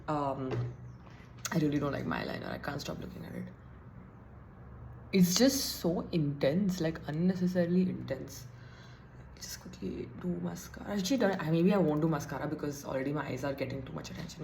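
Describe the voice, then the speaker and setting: Young woman vlogger, low voice, rambling chatty self-talk, roomy echo. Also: warm tone, a little hiss or hum. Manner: chatty, thinking aloud, self-deprecating. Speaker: beauty vlogger. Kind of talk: casual get-ready-with-me chat. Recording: echoey room.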